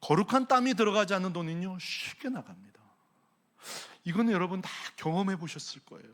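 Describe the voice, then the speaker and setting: Animated preaching pastor, lively pitch. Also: male voice, brisk. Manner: animated preaching, swings from hushed to loud exclaiming; asks the congregation questions often. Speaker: senior pastor. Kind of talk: sermon.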